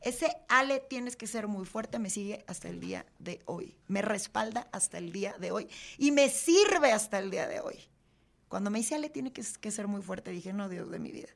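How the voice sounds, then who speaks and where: A woman speaks as an interview guest in a voice of middling pitch. She tells her story earnestly and haltingly, filling pauses with "este" and "eh". She often sinks into a quiet, subdued tone. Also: expressive, gravelly. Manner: earnest, halting, with frequent fillers. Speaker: podcast guest.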